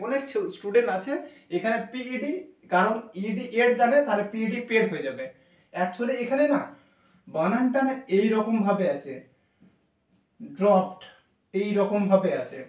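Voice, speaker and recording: A man's voice: high voice, a little mellow, recorded from a distance. A man teaching an English class in Bengali-accented speech, explaining step by step and spelling words out letter by letter. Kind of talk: classroom lesson on spelling and pronunciation. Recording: echoey room, voice from off the mic.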